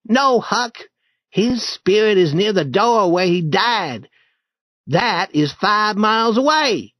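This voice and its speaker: A man voicing an eager, bold boy who leads an adventure in a storybook reading, in a lively and urgent manner. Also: sits high, slow pace, no room sound, pitched above the performer's own voice, full character voice. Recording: dull dry lo-fi recording.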